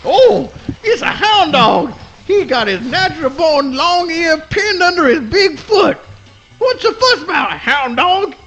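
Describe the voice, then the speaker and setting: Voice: extremely high pitch, big pitch swings, a little slow, fairly bright tone, dull audio, soft background music, full character voice. An actor voicing a mild-mannered male possum in folksy swamp dialect with mangled grammar, in a live radio play. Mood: concerned.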